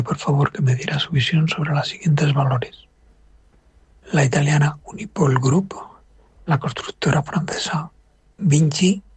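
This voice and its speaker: A man's voice note is played back, his voice husky and a touch high, with a dry, distant sound. He makes a polite, formal request. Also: a little mellow, dry recording. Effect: recorded voice note played back. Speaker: listener sending a question.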